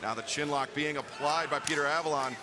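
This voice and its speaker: A man's voice: a little high, fairly quick. A man doing live play-by-play wrestling commentary, calling moves in clipped phrases and exclaiming at the big moments. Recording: noisy arena, loud crowd behind. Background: loud crowd and arena slams.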